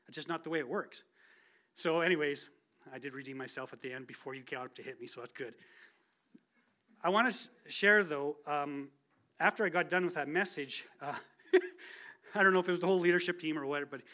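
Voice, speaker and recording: A guest speaker in his forties shares his testimony from the pulpit of a church sanctuary, casual and talkative in a conversational sermon style, often joking about himself. His voice has a fairly high pitch and a sharp tone.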